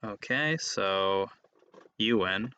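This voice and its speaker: A man streaming a card game, chatting casually, playful and teasing, sometimes breaking into excited laughter. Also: fairly low pitch, drawn-out words, clean tone, highs cut off. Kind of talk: casual chat while playing a card game.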